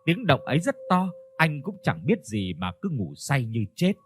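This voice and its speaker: A male storyteller narrating a ghost story in a scripted reading, with soft instrumental music behind him. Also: on the high side, sing-song, normal speed, slight background noise. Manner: storytelling, voices the characters.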